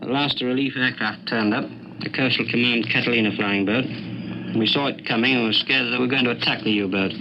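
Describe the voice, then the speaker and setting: A British man, an air force pilot, giving a grave, measured, understated account in a 1940s wartime radio broadcast. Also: medium pitch, fairly even intonation, vocal fry. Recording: muffled, noisy 1940s radio recording.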